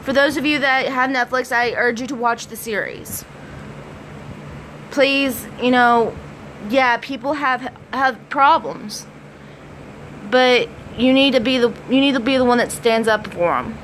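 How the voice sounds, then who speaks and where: Her voice sits high and a bit bright, and she talks a little slowly; the audio is poor, with faint background noise. She's a young American vlogger with a preppy sound, casually and bluntly swearing her way through personal vlog talk.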